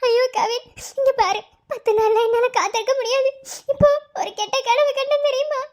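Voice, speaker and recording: A woman's voice: very high voice, unhurried. A woman voicing a frightened, pregnant young woman in a cartoon love story, pleading and sobbing through her words. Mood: tearful pleading.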